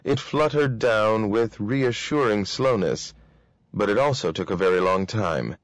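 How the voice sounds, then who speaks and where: A man with a lowish voice reads a novel aloud. His delivery is steady and measured, and the recording sounds dry and close. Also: dry recording. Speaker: reader.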